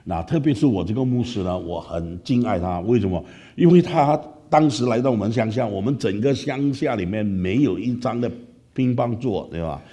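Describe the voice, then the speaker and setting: A man from Malaysia with a Malaysian Mandarin accent, telling a lively story as a preacher and often asking listeners "right?". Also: lowish voice, moderate pace. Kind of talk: storytelling sermon.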